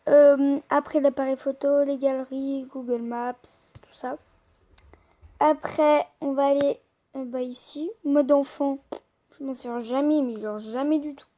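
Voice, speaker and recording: A woman's voice: sits high, steady tone, measured pace, warm tone. A young French-speaking woman rambling hesitantly with many fillers as she shows the apps on her tablet. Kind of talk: casual screen-recorded chat.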